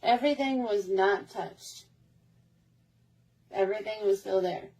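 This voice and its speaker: Mellow woman rambling through a story. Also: medium pitch, unhurried, rough recording. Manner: rambling, repetitive, with many restarts. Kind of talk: casual storytelling.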